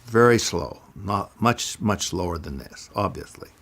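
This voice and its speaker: An older man from Idaho telling a personal testimony, with a deliberate, measured delivery and careful pauses. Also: low-pitched, lively intonation, fairly bright tone. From Idaho, USA. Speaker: speaker giving a personal testimony. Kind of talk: slow first-person storytelling.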